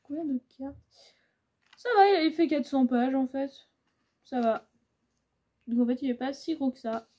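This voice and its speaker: A woman's voice: high voice, unhurried, long pauses, mellow. A woman in her twenties chatting casually about her reading pile, rambling with lots of fillers. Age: 20s. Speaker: booktuber. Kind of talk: casual book haul chat.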